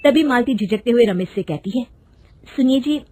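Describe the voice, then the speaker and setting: A woman narrating a cartoon story in a steady, plain way. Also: a little high, quick pace, background noise.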